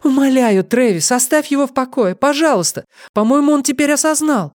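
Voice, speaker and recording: A man doing a high-voiced anxious young waitress. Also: normal speed, darkish tone, close to an everyday voice. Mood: pleading. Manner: high falsetto, pleading.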